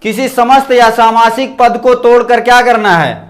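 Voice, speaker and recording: High-voiced man teaching a grammar class. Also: moderate pace. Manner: repetitive, checks in with "ठीक ना" after points. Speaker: Sanskrit teacher. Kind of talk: live online grammar class.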